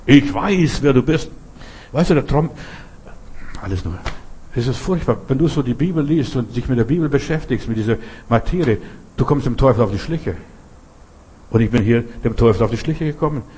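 A man's voice: medium pitch, fairly quick, long pauses, warm tone, breathy edge. An older man preaching a Pentecostal sermon, emphatic, repeating phrases and often asking his listeners whether they understand.

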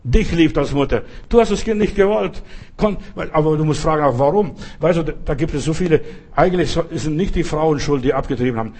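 Man, pastor, fervent sermon, talks to the listener directly, husky tone. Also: on the high side, fast, a little mellow.

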